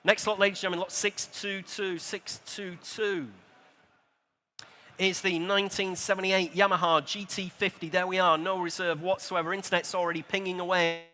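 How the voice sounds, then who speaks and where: Casting: British man as live auctioneer and bid caller, high-pitched, forceful, courteous and jokey between repeated prices. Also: level tone, moderate pace. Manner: chatty, jokey asides to bidders; polite, courteous address to bidders. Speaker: auctioneer calling bids. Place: large indoor auction hall at a motor show. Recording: PA voice in large reverberant hall.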